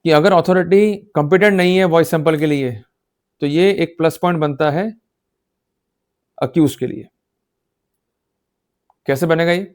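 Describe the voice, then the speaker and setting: Pausing at length while speaking at a normal speed, a man with a fairly high-pitched voice gives an explanatory law lecture blending Hindi and English legal terminology. His style is emphatic and exhortative, with frequent checks that listeners follow along.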